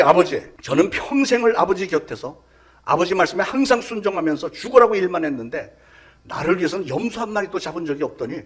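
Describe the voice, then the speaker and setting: A man's voice: a little high, slightly rough. A male pastor preaching a sermon, telling a story and acting out the characters' lines.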